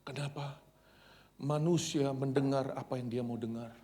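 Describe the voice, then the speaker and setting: A male pastor preaching a sermon dramatically, swinging between loud cries and hushed near-whispers, dropping English phrases into his talk. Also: mid-range voice, steady tone, normal speed.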